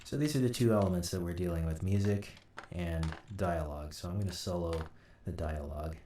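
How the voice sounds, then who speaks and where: In a casual software tutorial, a man with a deep voice, a host who does sound design for audio dramas, thinks aloud haltingly as he works at a computer indoors. The mic sits a bit far off, giving a roomy, soft, dark sound, with keyboard typing, mouse clicks and faint noise behind him.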